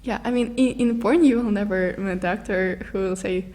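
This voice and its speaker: A young Russian woman, a guest in a casual interview, speaks haltingly in English as she hunts for words. Her voice is medium in pitch and mellow.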